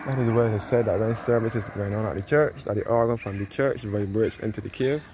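A man with a Barbadian accent narrating a walking tour for his travel vlog, with relaxed tour-guide asides. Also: lowish voice, fast, rough recording. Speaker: travel vlogger. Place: outdoors on a roadside. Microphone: handheld phone camera. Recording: outdoor phone audio with traffic noise. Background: passing cars and outdoor ambience.

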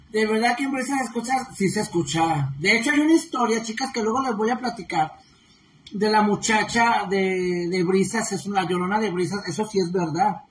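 Woman, stream host, chatty and giggly, mid pitch, roomy echo. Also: normal speed. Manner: chatty, laughing often, gossipy. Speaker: livestream host. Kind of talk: casual livestream chat reading viewer comments. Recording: echoey room with faint noise.

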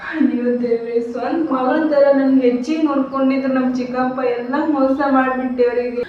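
A woman's voice: high voice, flat delivery, fairly quick, slight background noise, close to an everyday voice. A young woman with a North Karnataka Kannada accent playing a distraught college student who blames herself, in an amateur short film. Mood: remorseful, tearful. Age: young adult. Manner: tearful, self-reproaching. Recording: very echoey, dull lo-fi, music behind.

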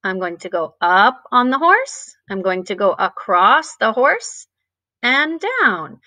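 A woman teaching a bilingual music lesson to young children, switching between English and Spanish and speaking slowly and clearly. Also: mid-range voice, very animated, sharp tone, dry recording. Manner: sings and chants rhythm words.

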